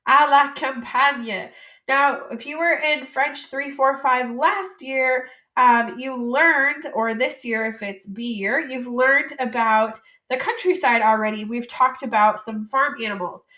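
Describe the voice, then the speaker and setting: In this vocabulary lesson, a female teacher from the United States carefully sounds out French words one at a time, then chats about them in easygoing English. She speaks with a bright, fairly high voice, and there's noticeable room echo.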